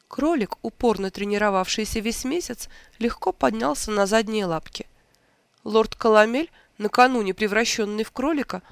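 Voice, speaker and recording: A narrator reads a fairy tale aloud in calm, even scripted narration. The voice has a gravelly fry at mid pitch. The recording is dry, with no room sound. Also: no room sound.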